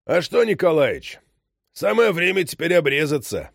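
A man doing a gruff old ship's engineer. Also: on the high side, very animated, moderate pace, dry recording, clean studio sound, voice pushed up, heavily acted. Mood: reproachful. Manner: scolding, insistent, raised voice.

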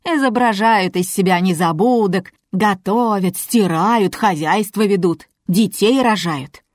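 A woman's voice: medium pitch, a little slow, no echo, clean studio sound, natural voice. A woman playing a blunt, scornful man. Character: crude, contemptuous older man.

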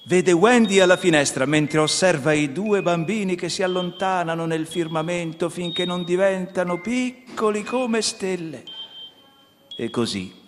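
A man with a slightly raised voice gives solemn closing narration for a radio reading. A long reverb hangs on his words, with a clear hiss underneath. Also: fairly high pitch.

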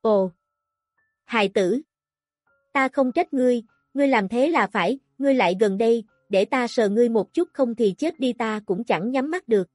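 A woman's voice: a little high, normal speed, darkish tone, no room sound, studio quality, faint music behind, natural voice. A woman voicing a blind, broken old male prisoner who speaks with sorrow and regret. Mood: grieving. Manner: sorrowful, sighing.

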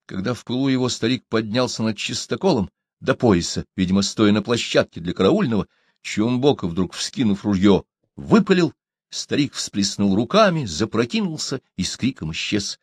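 A man narrating an adventure story in an audiobook, in a measured storytelling manner. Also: on the low side, expressive, slightly rough, dry recording.

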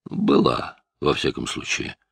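A man with a low, gravelly voice playing a patient police detective who questions a suspect steadily. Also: steady tone, a little slow, fairly bright tone, no echo, studio quality, full character voice.

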